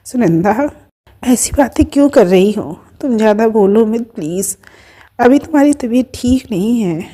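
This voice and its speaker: A caring woman friend offers firm, brisk reassurance, voiced by a woman narrator. Her voice is warm and mellow, delivered in the manner of a storybook read aloud. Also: a little high, animated. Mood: reassuring.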